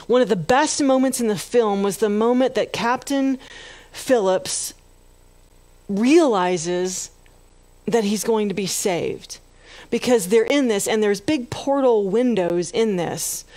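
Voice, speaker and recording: A woman's voice: mid-range voice, slow, darkish tone, dry recording. A woman pastor preaching a sermon, retelling a story and building to fervent emphasis. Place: church.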